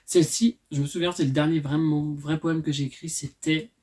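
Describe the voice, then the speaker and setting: A man in his twenties hosting his channel, reading his own poems aloud and adding candid, self-mocking asides in a soft, unhurried way. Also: fairly high pitch, steady tone. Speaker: channel host.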